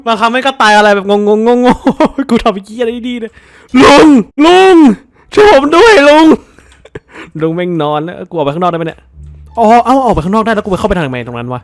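A gaming channel host with a high-pitched voice talks quickly through a let's play, swearing freely, yelping in surprise and laughing often as he plays.

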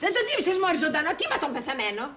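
An actress playing an excitable, gossipy woman with a shrill, animated delivery. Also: slight background noise, exaggerated voice. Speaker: actress in a TV comedy series.

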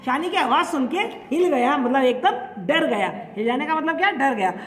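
A woman's voice: high-pitched, expressive, normal speed. A woman teacher explaining a literature text, who keeps paraphrasing and repeating each point. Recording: echoey room with long reverb, faint hiss.

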